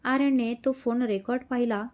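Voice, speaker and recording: A woman storyteller reading a romantic serial story in steady, scripted narration. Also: on the high side, brisk.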